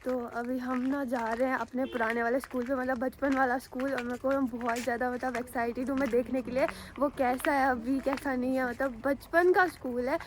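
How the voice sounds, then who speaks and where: A woman vlogger from Jammu and Kashmir with a high voice. She talks to her viewers in a loose, chatty way and keeps calling them "guys". She records herself outdoors on a handheld phone. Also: steady tone, fairly quick, hardly any pauses, a little hiss or hum. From Jammu and Kashmir, India. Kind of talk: casual vlog storytelling to viewers. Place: outdoors on a rooftop and at a school ground.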